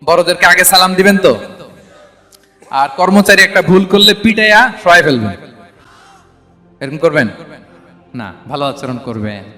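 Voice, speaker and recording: A man's voice: sits high, sharp tone, in a large hall. A man from Bangladesh preaching a sermon, calling out questions to the crowd. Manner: rousing, calls questions out to the crowd.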